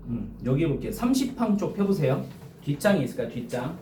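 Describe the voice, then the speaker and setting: A male high school teacher lecturing to a class, slowly dictating key points and often checking whether students follow. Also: very animated, dark tone, reverberant, recorded from a distance, a little hiss or hum.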